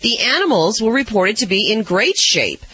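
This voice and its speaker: Lady doing a radio news bit, bright forceful voice, scripted read. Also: a little high, very animated, moderate pace, husky, no room sound.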